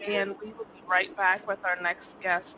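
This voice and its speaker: A woman's voice: mid-range voice, flat delivery, moderate pace. A woman hosting a casual talk show in a conversational style. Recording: thin phone-like sound, faint noise.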